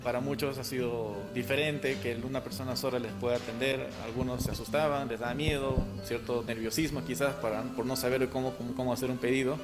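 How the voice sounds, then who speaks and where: A man speaking as a sign language interpreter in a calm, measured way. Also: mid-range voice. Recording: echoey room with music underneath.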